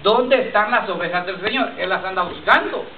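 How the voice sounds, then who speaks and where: A man's voice: high voice, animated, normal speed, reverberant. A man preaching a sermon with a personal testimony, repeating himself and often addressing listeners as brother. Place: church congregation. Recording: tinny lo-fi church recording from far off. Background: congregation responses.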